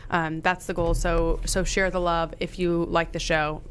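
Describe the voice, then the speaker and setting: A woman's voice: lowish voice, flat delivery, a little slow, slight background noise. Chatty woman podcast co-host. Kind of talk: casual podcast chat.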